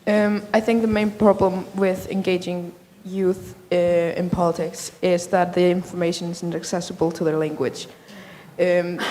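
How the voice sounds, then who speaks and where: Young woman from Iceland, lowish flat voice, hesitant, hall reverb. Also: a little hiss or hum. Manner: hesitant, with many fillers. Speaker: audience questioner. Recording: long reverb of a large hall.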